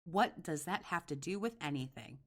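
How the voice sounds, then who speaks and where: A woman delivers reaction commentary in a slightly low voice. She is blunt and sarcastic, scolding her subject and swearing freely as she makes her case. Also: expressive, normal speed, fairly bright tone.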